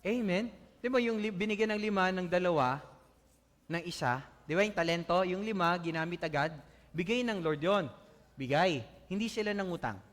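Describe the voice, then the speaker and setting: A man's voice: high-pitched, moderate pace. A man preaching a sermon to his congregation, mixing Tagalog with English, often laughing and asking "Amen?". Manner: animated, asks the congregation "Amen?"; laughs often while telling jokes. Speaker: pastor. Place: church hall before a congregation. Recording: long church hall reverb.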